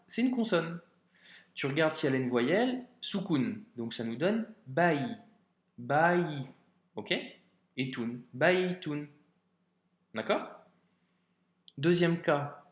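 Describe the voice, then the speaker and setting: In a recorded video lesson on reading Arabic, a man with a fairly high voice speaks in a reverberant space. Patient, slow, and informal, he calls the viewer "tu" and frequently asks "ok" to make sure the learner understands.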